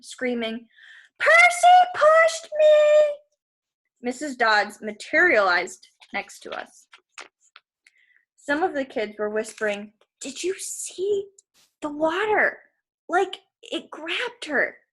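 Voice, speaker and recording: A woman with a somewhat high, slightly bright voice reads a story aloud with plenty of expression. She breaks off now and then for informal asides to her listeners.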